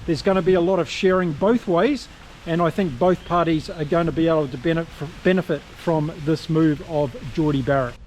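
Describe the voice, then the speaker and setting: Fairly high in pitch but darkish in tone, a New Zealand-accented man delivers casual rugby commentary to camera at a moderate pace. He's upbeat and chatty, talking right to his audience over slight background noise.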